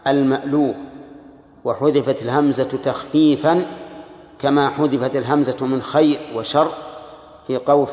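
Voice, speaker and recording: A man teaching a classroom lecture on scripture as an Islamic scholar, explaining grammar step by step and asking his students questions. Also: mid-range voice. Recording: echoey hall with long reverb.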